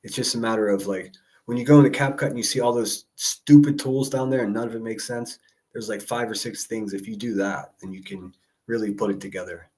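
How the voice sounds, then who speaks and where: A man's voice: on the low side, fairly quick, a little mellow. A man hosting a live call-in show, chatting informally as he coaxes and greets listeners. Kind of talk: casual livestream chat. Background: background music.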